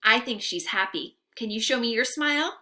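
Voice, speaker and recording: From a room at home, a young woman teaches small children with an interactive read-aloud, sing-song and clearly enunciated, putting questions to them. Her fairly high voice has lively intonation, a moderate pace, and a bright, forceful tone.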